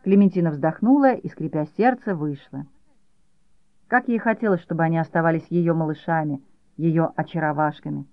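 An audiobook narrator reading a literary story in an even, measured way. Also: medium pitch, no echo, muffled recording.

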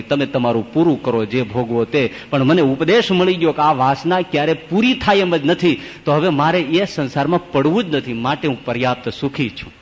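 Wise, obedient young prince, steady and sincere, voiced by a male preacher. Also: on the high side, in a large hall, close to an everyday voice. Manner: calm, earnest.

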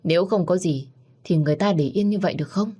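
A woman's voice: fairly low pitch, quick pace, warm tone, breathy edge. A woman voicing a blunt, chatty female friend passing on office gossip.

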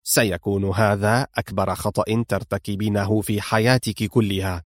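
A cold spy mastermind, put on by a male narrator, speaks in a low, hushed register. His delivery is calm, clipped and menacing, and every order sounds final. The audiobook recording is dry and close. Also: fairly quick, dry recording, natural voice. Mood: cold, commanding.

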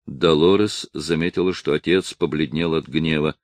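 A man narrating a historical novel in a steady, measured reading. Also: extremely low pitch, no room sound. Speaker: audiobook narrator. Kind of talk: scripted narration.

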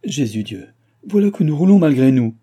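A man voicing a frightened rustic coachman in an audiobook, pleading in a dark, husky voice. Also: on the high side, normal speed, voice pushed up. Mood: panicked. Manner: pleading, panicked.

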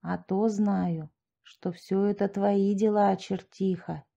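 Woman reading as a grumbling sexton man, slow mutter, low, dark mellow tone, audiobook story. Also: flat delivery, vocal fry, lo-fi sound. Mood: accusing. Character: gruff suspicious peasant sexton, middle-aged man.

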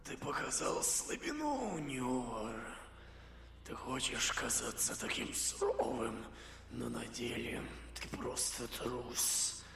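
A man voicing the ghost of a dead beaver who accuses his friend in a slow, hoarse voice. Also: mid-range voice, expressive, fairly bright tone, reverberant, slight background noise, full character voice. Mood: accusing. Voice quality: hoarse, rasping. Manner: slow, accusing, sinking into whispers.

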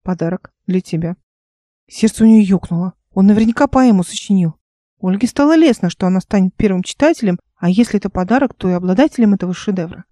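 A woman narrating her own fantasy audiobook in a calm, measured reading. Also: mid-range voice, no echo, studio quality.

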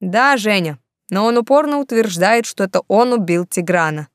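A woman voicing a calm, measured middle-aged male detective in an audiobook. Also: medium pitch, dry recording, clean studio sound, lightly acted.

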